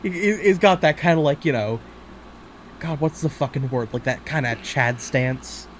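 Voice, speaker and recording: A man's voice: on the high side, moderate pace, slight background noise. A man co-hosting a podcast, talking in a loose, rambling way with lots of fillers, restarts and swearing. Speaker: podcast co-host. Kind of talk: casual chat.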